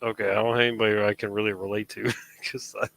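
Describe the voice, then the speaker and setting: A man's voice: on the low side, little pitch movement, fast, vocal fry, a bit bright, poor audio. A man in his thirties chatting casually on a live show, rambling with frequent restarts. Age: 30s. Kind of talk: casual chat.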